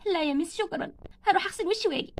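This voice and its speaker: A tearful little schoolgirl, voiced by a woman with an Egyptian accent, whimpering and pleading in a doll play story. Her voice sits very high and the words tumble out fast. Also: slight background noise. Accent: Egyptian Arabic. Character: sad bullied schoolgirl, tearful and timid.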